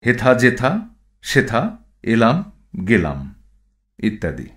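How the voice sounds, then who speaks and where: A man teaching standard pronunciation, reading rules and example words one at a time in a measured recitation. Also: mid-range voice, big pitch swings, a bit bright. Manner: measured, reads rules and word lists one item at a time. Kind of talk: slow instructional recitation.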